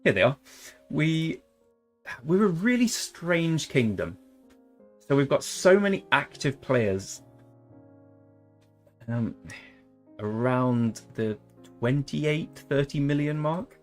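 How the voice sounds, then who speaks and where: This young man's voice sits on the high side with lively intonation as he slowly chats through a live-streamed strategy game, leaving long pauses. He rambles, jokes, and tries silly accents over soft background music.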